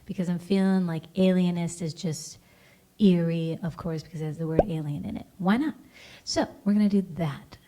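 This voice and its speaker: A woman's voice: fairly low pitch, moderate pace, heavy background noise. A young woman hosting her own comedic music vlog, chatty and self-amused, recorded at home. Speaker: vlogger and songwriter.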